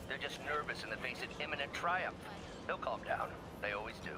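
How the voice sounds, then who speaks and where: Brief: actor as a calm, reassuring scientist mentor, brisk pace, noisy game audio. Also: male voice, mid-range voice, close to an everyday voice. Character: kindly, optimistic older male scientist mentor. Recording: game audio with clear noise.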